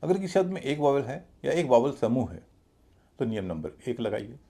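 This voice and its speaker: A man's voice: medium pitch, very animated, moderate pace, dark tone. A man teaching English pronunciation in a lecture-style lesson, patiently explaining and spelling words out letter by letter.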